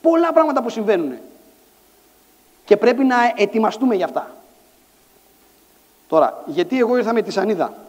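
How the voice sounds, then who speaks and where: High-voiced man telling a story on a hall stage. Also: long pauses. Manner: animated storytelling, acts out dialogue, shouts lines. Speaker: conference speaker. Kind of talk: motivational stage talk. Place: large conference hall. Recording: echoey hall sound.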